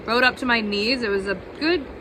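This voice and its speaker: A woman's voice: a little high, a little fast, background noise. Woman telling a river mishap story. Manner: vivid, detailed retelling of a mishap. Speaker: vlog co-host, kayaker. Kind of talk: casual storytelling.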